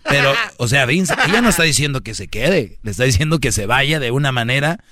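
Teasing radio host, dry studio sound. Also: male voice, mid-range voice, lively intonation, a little fast, sharp tone, no echo. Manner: teasing, slangy, mock-scolding. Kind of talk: comedic radio monologue.

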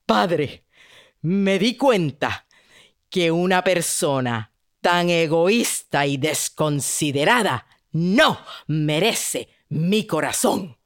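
A woman's voice: a little high, slow, no echo, studio quality. A woman voicing a worn-out but proud princess in a told story, speaking firmly and earnestly to her father. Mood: resolute.

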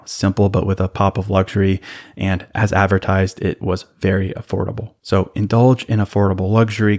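A man's voice: fairly low pitch, a little mellow. A man hosting a podcast, reading sponsor advertisements in an upbeat, casual sales patter. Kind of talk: host-read advertisement.

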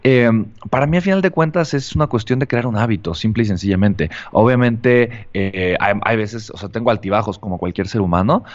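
A man's voice: lowish voice, fairly quick, few pauses. A man, an earnest podcast host who talks with many fillers and tag questions. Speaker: podcast host interviewing a guest. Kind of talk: conversational podcast interview. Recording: slightly muffled lo-fi audio.

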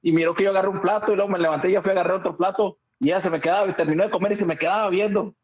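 A man's voice: high-pitched, steady tone, racing, highs cut off. A man, a radio co-host telling a funny family story in casual chat, laughing and acting out the quotes.

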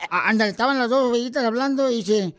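A man's voice: very high voice, fast talker, noisy background. A man voicing a rowdy old male rancher comic who tells jokes, boisterous and slangy. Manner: boisterous, shouting catchphrases, slangy. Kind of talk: comedy sketch joke-telling.

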